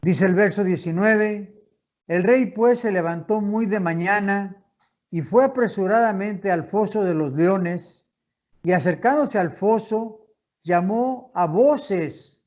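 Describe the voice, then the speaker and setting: Slow, high-voiced man teaching scripture. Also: a little mellow. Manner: slow, deliberate reading with pauses and restarts. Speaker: Bible study teacher. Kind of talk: Bible study lesson, reading and explaining scripture.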